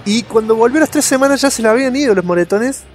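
A very high-pitched, animated man with an Argentine Spanish accent talks fast while co-hosting a podcast. In a casual film trivia chat, he shares facts colloquially and repeats words for emphasis.

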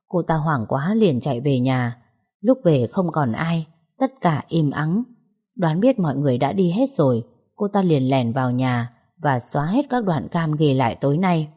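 A woman reading a family drama story aloud in a measured, even narrating manner. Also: sits low, slightly rough.

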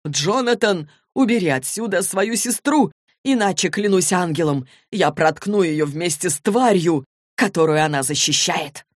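A woman's voice: on the low side, lively intonation, unhurried, no room sound, studio quality. A woman voicing a cruel, raging warrior father. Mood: enraged. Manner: menacing, contemptuous. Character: furious cruel older male warrior father.

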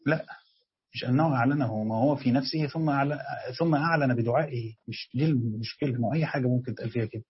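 A man with an Egyptian accent teaching a classroom lesson on Quran commentary, reading the text slowly and then explaining quickly and quizzing his students. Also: medium pitch, slightly rough, dull audio.

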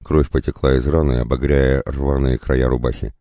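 A man reading a story aloud in a measured, even manner. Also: rumbling low, no room sound, clean studio sound. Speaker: audiobook narrator. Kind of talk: scripted narration.

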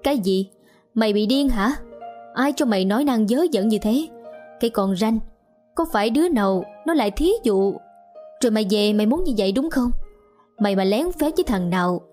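A woman's voice: on the high side, expressive, brisk, dark tone, faint music behind, lightly acted. A woman voicing a stern, hot-tempered poor village father who scolds harshly in an audio story. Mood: angry.

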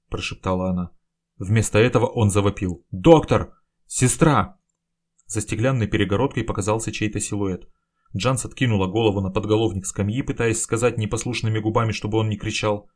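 Male audiobook narrator, low voice, calm and steady. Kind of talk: scripted narration.

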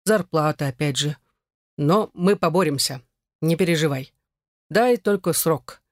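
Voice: mid-range voice, measured pace, dry recording, close to an everyday voice. Reader doing a confident male boss, reassuring, audiobook, dry sound. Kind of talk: audiobook character reading.

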